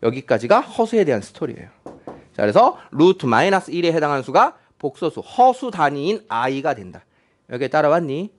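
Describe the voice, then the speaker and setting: Lively high-voiced male math teacher. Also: moderate pace. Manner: chatty, quizzing students with frequent questions. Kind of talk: classroom lecture. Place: classroom.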